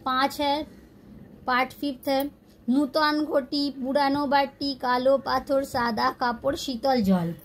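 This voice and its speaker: A woman with a high voice teaches a beginner language class at an unhurried pace. She patiently breaks every word into its syllables and says each one again. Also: fairly even intonation, slight background noise. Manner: patient, repeats words syllable by syllable. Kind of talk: slow spelling-out lesson.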